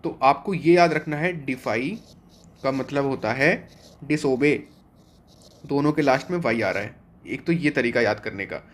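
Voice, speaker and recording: A man's voice: medium pitch, moderate pace. A young man teaching an online exam-prep vocabulary class, explaining step by step and asking and then answering his own questions.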